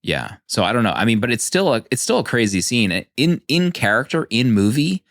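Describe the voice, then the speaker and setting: A man hosting a casual movie podcast, chatty and quick to laugh, often restarting his sentences. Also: medium pitch, very animated, creaky, a bit bright, dry recording, clean studio sound. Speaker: podcast host.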